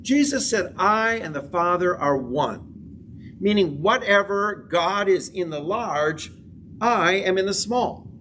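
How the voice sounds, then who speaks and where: A male spiritual teacher gives a class lecture in a fairly high, animated voice with a sharp tone, working through slow, measured lines and repeated affirmations. He sits a bit far from the microphone, and a faint hum of room noise lingers behind him.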